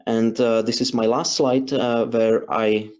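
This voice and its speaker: A man with a medium-pitched voice presents technical research on a webinar. His delivery is hesitant and halting, with phrases repeated as he goes. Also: level tone, darkish tone.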